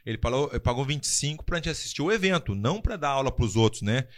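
Fast-talking animated man telling a story. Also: medium pitch. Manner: animated, acts out quotes, laughs often. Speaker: podcast guest telling a fight-world story. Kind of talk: casual storytelling chat.

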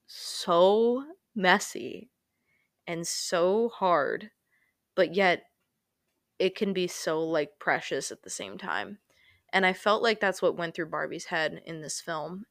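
A woman's voice: lowish voice, creaky, dry recording, studio quality. A young woman talking casually as a podcast co-host, chatty and rambling with many fillers. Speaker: podcast co-host reviewing a film. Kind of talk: casual chat.

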